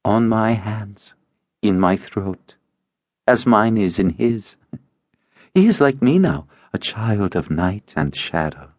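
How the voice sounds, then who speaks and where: A cold, seductive female vampire demon, voiced by a man in an audiobook. She purrs and taunts, silky and unhurried. The sound is close and dry, with no room around it. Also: lowish voice, expressive, darkish tone, dry recording, voice pushed up. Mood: seductive taunting.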